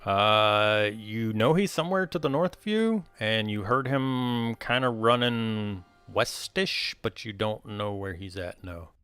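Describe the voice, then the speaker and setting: A man's voice: fairly low pitch, animated, slow, hardly any pauses, a bit bright, smooth, soft background music. A man narrating a tabletop game as game master, explaining things in a casual, colloquial way.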